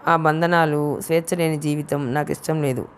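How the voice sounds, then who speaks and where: A woman's voice: low voice, fairly even intonation, moderate pace, a little hiss or hum. A woman reading a novel aloud as an audiobook narrator, telling the story steadily and reading the dialogue without separate character voices. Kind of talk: scripted narration of a novel, voicing all characters.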